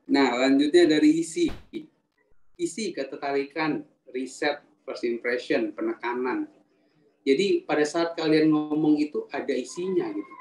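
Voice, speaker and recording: A man giving a casual, animated public speaking talk in a live webinar, asking the audience questions and reading their chat comments aloud. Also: medium pitch. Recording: roomy sound, mic at a distance, faint ambience.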